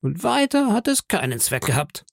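A cunning older pirate chief snarls and mocks his men in a raised, gravelly voice, as a male reader puts him on. The sound is dry and close, with no room around it. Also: sits high, sing-song, normal speed, no room sound, voice pushed up, full character voice. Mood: mocking. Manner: scornful, threatening.

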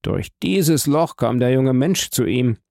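A man's voice: mid-range voice, lively intonation, takes it slowly, gravelly, a little mellow, dry recording, clean studio sound. A man voicing a humble, eager old prison guide in an audiobook, speaking in a deferential, wondering way. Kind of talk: audiobook character reading.

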